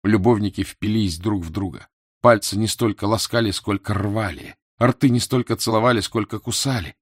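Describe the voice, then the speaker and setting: A man narrating a literary novel in a measured, expressive way. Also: on the low side, no echo, clean studio sound. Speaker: audiobook narrator.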